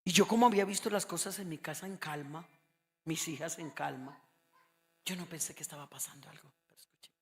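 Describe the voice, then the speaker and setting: A middle-aged woman from Colombia preaching a sermon, moving between hushed storytelling and loud, shouted exhortation. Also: low-pitched, fairly quick. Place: church. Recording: reverberant church hall.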